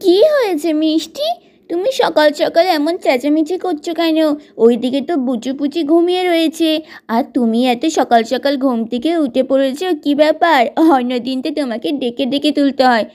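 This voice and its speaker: A woman's voice: high-pitched, normal speed, darkish tone, natural voice. A woman voicing a worried young mother in a doll-play story, fussing and scolding. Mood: concerned. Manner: fretful, scolding. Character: anxious young mother fussing over kids.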